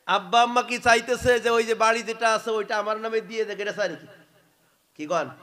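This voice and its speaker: A preacher with a Bangladeshi Bengali accent, singing slow mournful verses and preaching with call-and-response to a gathering. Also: male voice, sits high, level tone, pushed and bright. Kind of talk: sung and spoken sermon. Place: outdoor religious gathering.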